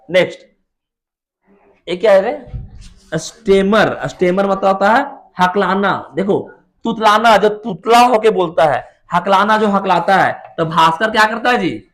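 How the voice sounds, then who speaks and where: A man's voice: a little high, a bit bright. A man teaching English vocabulary to a class, explaining words with everyday examples and putting questions to his students.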